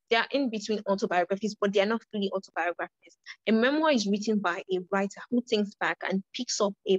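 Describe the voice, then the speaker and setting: A woman's voice: medium pitch, no room sound, muffled recording. A young woman leading a creative writing workshop, earnest, often repeating and restarting her phrases. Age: young adult.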